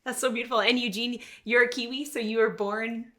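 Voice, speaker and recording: A woman's voice: a little high, fairly even intonation, fairly quick. A woman co-hosting a podcast, thanking guests and asking questions in an appreciative way. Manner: warm, appreciative. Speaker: podcast co-host. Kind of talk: casual interview chat.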